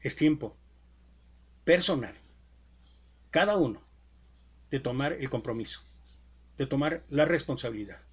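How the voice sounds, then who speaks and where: A male preacher giving a sermon with deliberate emphasis and rhetorical questions. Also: mid-range voice, lively intonation, slightly rough.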